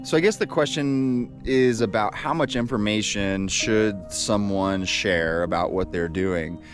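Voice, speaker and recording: A man's voice: on the low side, measured pace, music in the background. A man talking casually and reflectively to his viewers as an outdoor adventure vlogger. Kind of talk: reflective casual vlog talk. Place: outdoors on a trail.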